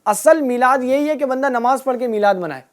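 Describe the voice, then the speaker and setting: Woman teaching children in question-and-answer style. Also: high-pitched. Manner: asks a question, then repeats the answer back. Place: room with children and a passed microphone.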